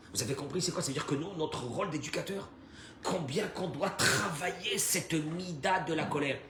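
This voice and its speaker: A man teaching a Torah lesson as a rabbi, animated, swinging from hushed to loud and acting out short dialogues. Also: a little high. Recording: echoey room with faint noise.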